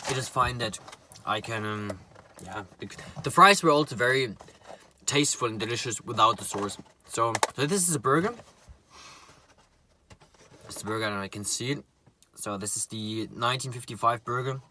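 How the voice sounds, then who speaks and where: A man chatting casually to viewers while he eats, pausing and murmuring between remarks. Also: medium pitch, bright, forceful tone, a little hiss or hum. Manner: talks while eating, with murmured mms and pauses. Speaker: mukbang vlogger. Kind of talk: casual eating chat to viewers.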